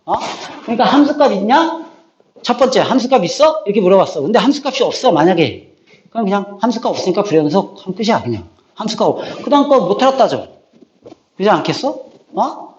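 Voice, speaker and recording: A man teaching high school math in a classroom, bluntly ranting and quizzing students with repeated prompts. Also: sing-song, fast talker, darkish tone. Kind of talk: classroom lecture. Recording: echoey classroom, dull lo-fi sound.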